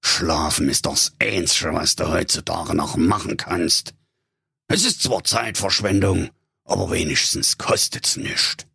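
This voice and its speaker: A man's voice: very high-pitched, very animated, unhurried, gravelly, hardly any pauses, pushed and bright, breathy edge, no room sound, clean studio sound, pitched above the performer's own voice, full character voice. A man playing a grumbling stingy old miser. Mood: muttering. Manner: grumbling, cursing, snappish. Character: grumpy stingy old male junkyard owner.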